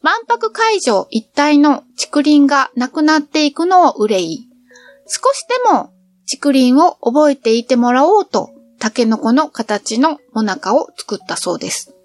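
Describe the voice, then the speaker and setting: In a scripted piece of travel narration, a middle-aged woman who vlogs about travel tells the story of her train trip, cheerful and chatty. Her high, sing-song voice moves a little slowly over soft background music.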